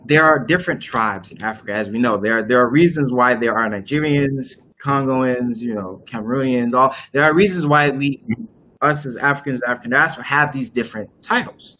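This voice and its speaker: A young host on a live video call speaks a little fast in a medium-pitched voice with a sharp tone. Recorded by webcam with slight background noise, he explains at length in a casual discussion, full of fillers and restarts.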